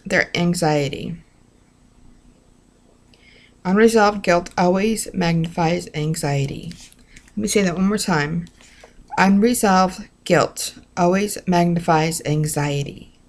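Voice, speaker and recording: A woman's voice: mid-range voice, a little mellow. A young adult American woman from the northern states, reading aloud and chatting informally in a candid, self-deprecating way, recorded on a webcam in a small room at home. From northern United States. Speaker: vlogger reading a devotional book aloud. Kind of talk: informal read-aloud with rambling casual asides. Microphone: webcam or laptop at arm's length.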